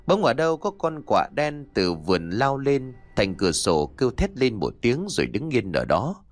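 A man narrating a ghost story in an expressive, dramatic reading voice. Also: on the low side, no echo.

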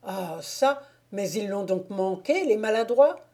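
A woman's voice: medium pitch, animated, unhurried, mellow, lightly acted. A woman reading an audiobook and voicing a stubborn, superstitious older male gamekeeper who speaks in blunt, emphatic exclamations. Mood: indignant.

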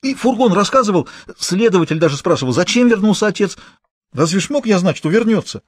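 A frightened small-time crook who whimpers and babbles the same pleas over and over. His voice climbs far higher than the reader's own and swings wildly. The sound is dry and close. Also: expressive, quick pace, breathy edge, dry recording. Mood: begging. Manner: frantic, repetitive, whimpering. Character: terrified petty male thief, pleading and babbling.

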